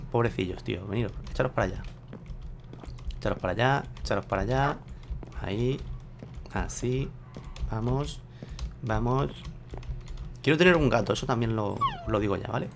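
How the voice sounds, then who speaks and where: A man talks casually to his viewers while he plays, unsure and thinking aloud. His voice is gravelly at a middle pitch. Faint keyboard typing sits behind his desk mic. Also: fairly bright tone, slight background noise. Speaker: gameplay video host. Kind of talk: casual gameplay commentary.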